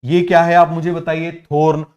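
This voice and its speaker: A male teacher giving an online biology lesson in Hindi-English mix, repeating key terms and urging students to answer quickly. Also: on the high side, little pitch movement, darkish tone, muffled recording. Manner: repetitive, keeps asking students to answer quickly; drills terms by repeating them slowly.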